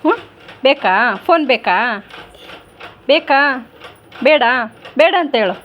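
A woman's voice: sits high, animated, unhurried, lo-fi sound, a little hiss or hum. A young woman, a mother, vlogging casually at home and coaxing her small children.

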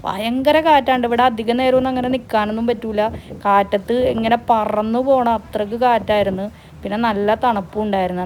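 A woman's voice: medium pitch, a little mellow, a little hiss or hum. A woman from Kerala with a Kerala Malayalam accent narrates a casual travel vlog, chatty and mixing English words into her Malayalam. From Kerala, India. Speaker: travel vlogger.

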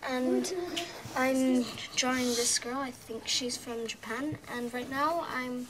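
A woman's voice: high-pitched, little pitch movement, takes it slowly. A young girl, a student, answering questions a little hesitantly in a classroom. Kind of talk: casual interview answers. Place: busy classroom. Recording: noisy classroom chatter.

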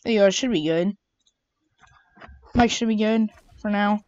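A woman's voice: medium pitch, moderate pace, darkish tone, no echo. A woman giving chatty, exasperated running commentary over her own gameplay. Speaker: gamer. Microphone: own desk mic. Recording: dull lo-fi home mic.

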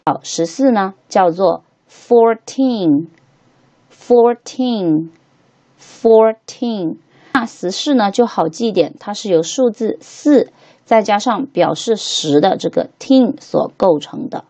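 A woman teaching English to beginners, patiently repeating each word slowly three times as she walks through a textbook lesson. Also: mid-range voice, lively intonation, a little mellow.

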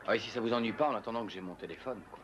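A man's voice: fairly low pitch, very fast, a bit bright, dull audio, slight background noise, close to an everyday voice. An actor dubbing a polite, hesitant man, new to the neighborhood, who fumbles through his words. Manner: hesitant, polite, many fillers.

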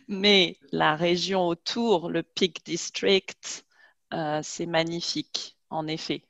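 Woman host, forties, headset mic, slow talk, dry sound, laughs a lot. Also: on the low side, vocal fry, fairly bright tone, no room sound. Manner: chatty, laughs often, restarts words. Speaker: host and French teacher. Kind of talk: casual video call interview. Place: home room, video call.

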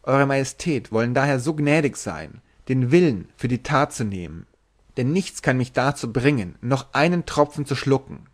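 A man's voice: mid-range voice, expressive, normal speed, lightly acted. A man doing a long-winded tipsy sailor. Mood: courtly protest. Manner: ornate, courtly refusal.

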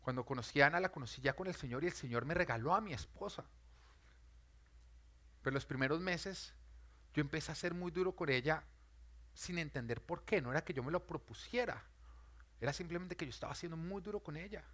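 A man, a pastor, preaching a sermon with earnest storytelling that swells loud on key lines. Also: on the high side, a little fast, long pauses.

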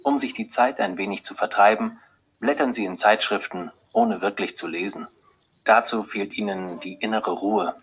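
A man narrating a story in a slow, clear and deliberate way, with a husky voice. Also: fairly low pitch, big pitch swings, a little hiss or hum, rough recording. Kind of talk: scripted audiobook narration.

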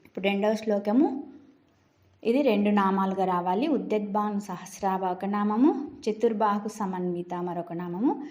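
A woman teaching a devotional chant step by step, splitting each name into parts and then repeating it slowly and deliberately. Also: mid-range voice, warm tone. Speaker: recitation teacher. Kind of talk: slow step-by-step chanting lesson.

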